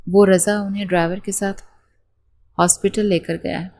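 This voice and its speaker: Brief: timid maid, halting nervous speech, woman reading. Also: mid-range voice, level tone, a little mellow, natural voice. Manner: hesitant, nervous. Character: timid worried housemaid.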